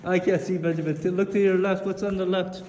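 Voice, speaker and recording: A man touring a dark lava tube cave, reading the signs aloud and teasing with fake scares. His voice carries the cave echo. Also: high-pitched, little pitch movement, fast talker. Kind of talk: casual tour chat, reading signs aloud. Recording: echoey cave with long reverb.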